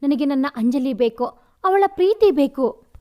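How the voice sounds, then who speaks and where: Storybook lover: a pleading, grief-stricken young man, read by a woman with a high voice. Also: lively intonation, measured pace, mellow. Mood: despairing. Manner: pleading, despairing.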